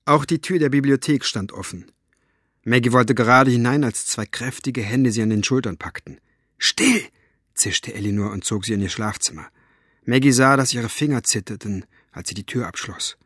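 A man narrating a storybook with an expressive, dramatic reading. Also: medium pitch, moderate pace, slightly rough, no echo, studio quality. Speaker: audiobook narrator.

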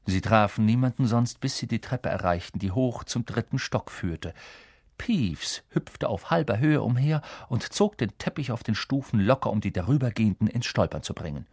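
A man narrating a storybook audiobook in an expressive way. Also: lowish voice, normal speed, breathy edge, dry recording, clean studio sound.

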